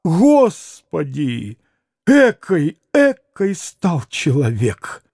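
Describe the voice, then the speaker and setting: A man's voice: on the high side, huge pitch swings, extremely slow, gravelly, a little mellow, husky, no room sound, studio quality, heavily acted. A man reading a proud young woman who breaks into anguished, bitter outbursts. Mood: ashamed. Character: young woman, proud, hurt, self-reproaching.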